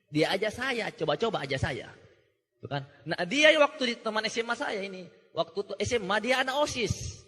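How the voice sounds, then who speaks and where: A young man telling a funny, self-mocking story to a seminar audience. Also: very high voice. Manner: animated, jokey, self-mocking. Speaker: speaker at a business recruitment seminar. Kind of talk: humorous storytelling talk to an audience. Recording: echoey hall.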